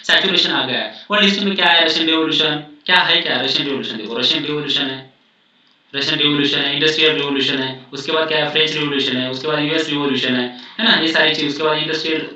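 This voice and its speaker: A man's voice: fairly high pitch, steady tone, fast, sharp tone. A male coaching teacher giving study advice in a repetitive, reassuring way, often mixing in English phrases. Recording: echoey room, distant mic, dull sound.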